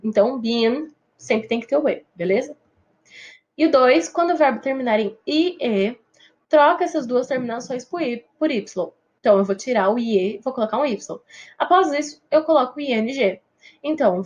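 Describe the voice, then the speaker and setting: A woman's voice: on the high side, a little mellow. A woman teacher with a Brazilian Portuguese accent explaining English grammar patiently, often checking in with her students. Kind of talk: recorded grammar lesson.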